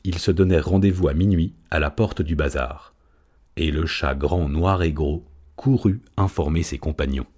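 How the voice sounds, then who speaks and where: A man narrates a storybook in a very deep voice. His reading is steady and measured, and he lets each sentence land. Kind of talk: audiobook narration.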